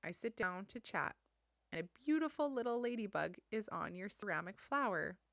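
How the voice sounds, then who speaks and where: A woman, hosting a solo podcast and sharing memories in a soft, heartfelt way, close to the mic. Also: medium pitch, animated, normal speed, gravelly, dry recording. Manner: soft, heartfelt, tender storytelling. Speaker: podcast host.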